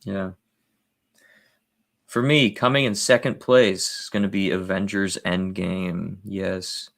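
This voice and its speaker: A man appearing as a guest movie reviewer in a casual chat, talking eagerly and excitably about films. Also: low voice, slow pace, gravelly.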